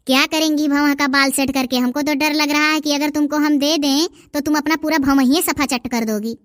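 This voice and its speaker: A woman's voice: sits high, fairly even intonation, normal speed, no echo, studio quality, close to an everyday voice. A woman voicing an impatient young shopkeeper in a cartoon, curt and mocking with her customers. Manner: curt, mocking, standard Hindi speech. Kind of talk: cartoon dub voice acting.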